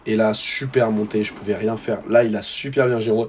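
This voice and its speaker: Lively young French man commenting on his match. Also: on the low side, fairly quick, slight background noise. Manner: lively, slangy, talks straight to viewers. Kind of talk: casual voice-over commentary.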